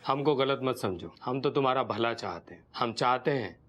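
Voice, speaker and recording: A morbid deadpan doctor. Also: male voice, medium pitch, moderate pace, lo-fi sound. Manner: deadpan, morbid, sing-song delivery. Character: gloomy male doctor who delights in bad news.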